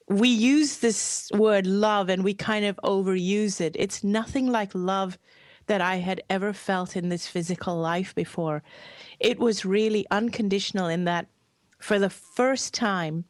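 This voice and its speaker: A woman's voice: mid-range voice, dry recording, clean studio sound. A woman who grew up in Hong Kong, telling her personal story as an interview guest in an earnest, heartfelt way. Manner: earnest, heartfelt, softly emphatic.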